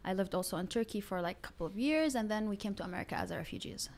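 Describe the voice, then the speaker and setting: Young adult woman from Iraq, animated and chatty guest in an interview. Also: medium pitch, racing, a little hiss or hum. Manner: animated, laughing storyteller. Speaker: YouTuber guest. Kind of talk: casual interview chat.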